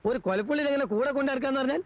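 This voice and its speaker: A man's voice: very high voice, very fast, no echo. An actor playing a fussy, boastful, gossipy man who minds a lawyer's house, in a 1980s comic film. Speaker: lawyer's relative and caretaker. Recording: dull old film sound.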